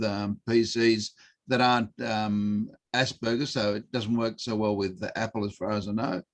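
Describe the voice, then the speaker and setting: Hesitant man teaching online. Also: medium pitch. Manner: relaxed, hesitant, many fillers. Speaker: workshop presenter. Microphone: video call.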